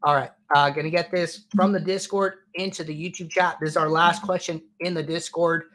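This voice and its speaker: Chatty man with a slightly high voice. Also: steady tone, brisk, fairly bright tone. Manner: loose and chatty, many fillers and restarts. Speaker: host answering viewer questions. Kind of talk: casual live-stream Q&A explanation.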